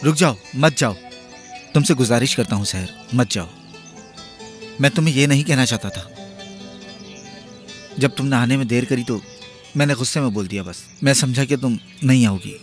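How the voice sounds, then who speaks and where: A man's voice: medium pitch, moderate pace, long pauses, soft background music, lightly acted. A man dubbing a film role, a young man in love who speaks in an earnest, pleading way. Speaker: dub actor.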